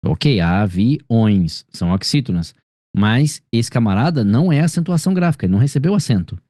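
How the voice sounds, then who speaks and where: Brazilian male teacher, dark mellow voice. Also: medium pitch, expressive, moderate pace, no echo, studio quality. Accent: Brazilian Portuguese. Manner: explanatory, checks understanding with frequent tag questions. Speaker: grammar teacher. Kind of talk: one-on-one tutoring session.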